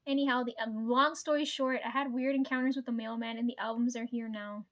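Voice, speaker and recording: Addressing her viewers head-on, this vlogger winds through a story in a bright, high-pitched voice and an easygoing, chatty manner. Her delivery is brisk with fairly even intonation, the sound is lo-fi, and she swears openly, laughs often and keeps turning to her audience.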